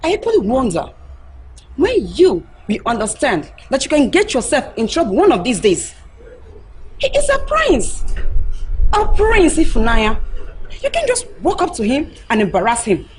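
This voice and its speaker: A woman's voice: fairly high pitch, wildly swooping pitch, normal speed, a little mellow, slight background noise, poor audio. An actress with a Nigerian accent playing a blunt best friend who scolds and warns her friend. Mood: scolding.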